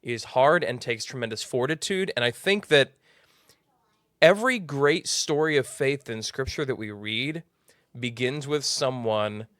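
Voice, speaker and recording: A man's voice: medium pitch, dry recording, clean studio sound. A man hosting a podcast interview, enthusiastic and effusive in his praise. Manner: enthusiastic and effusive, animated emphasis. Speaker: podcast host. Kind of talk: faith-based podcast interview.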